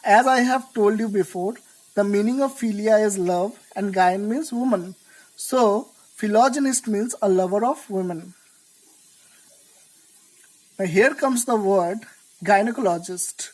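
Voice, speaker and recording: Brief: woman teacher, measured, deliberate delivery for a vocabulary class. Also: medium pitch, a little mellow, low-quality recording. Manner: slow, deliberate explanations. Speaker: English teacher. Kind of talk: vocabulary lesson.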